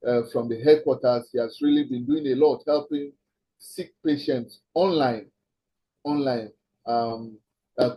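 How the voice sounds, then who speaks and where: A man's voice: medium pitch, warm tone, husky, low-quality recording. Earnest Nigerian man giving health advice. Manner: earnest, repeats warnings, many fillers. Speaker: health talk host. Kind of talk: advice talk on an online call.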